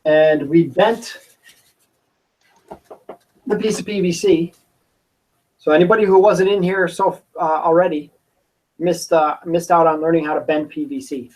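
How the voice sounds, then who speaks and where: A man leads a laid-back livestream tutorial from an indoor workshop, talking through each step as his hands stay busy. His voice sits a little high for a man, and he rambles easily with plenty of pauses and fillers. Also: darkish tone, low-quality recording. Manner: easygoing, rambling, talks while working with hesitations. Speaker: prop-building workshop host. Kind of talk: casual livestream craft tutorial. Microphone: camera on a desk he moves around.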